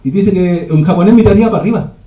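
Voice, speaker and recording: A man's voice: high voice, rapid-fire, warm tone. A man giving a rambling teaching talk at a men's church retreat, often restarting his sentences. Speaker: retreat speaker. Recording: echoey room.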